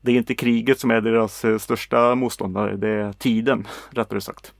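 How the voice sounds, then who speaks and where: A man from Sweden in casual film chat on a podcast, relaxed and hesitant, with many fillers. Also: fairly low pitch, vocal fry, no room sound, studio quality. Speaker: podcast co-host.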